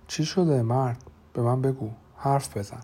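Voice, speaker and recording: A man's voice: mid-range voice, dark tone, slightly rough, lightly acted. A man voicing a frightened husband who speaks in a panicked, pleading way. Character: frightened adult husband searching for his wife.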